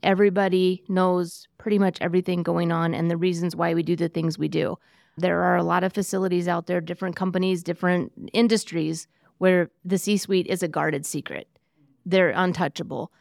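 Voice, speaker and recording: A woman's voice: lowish voice, fairly even intonation, fairly quick, creaky, darkish tone, no echo, studio quality. A woman hosting a workplace podcast in a friendly, chatty way, with a Midwestern American accent. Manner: friendly, chatty, laughs easily. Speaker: podcast host. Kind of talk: casual interview chat.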